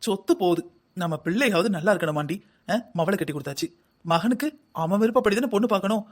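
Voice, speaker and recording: A voice doing a scolding older husband, fast. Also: medium pitch, lively intonation, lightly acted. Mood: grumbling. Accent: South Tamil Nadu. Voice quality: scolding, nagging. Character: grumbling older husband and father. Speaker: voice actor in a family cartoon. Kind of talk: cartoon family comedy acting.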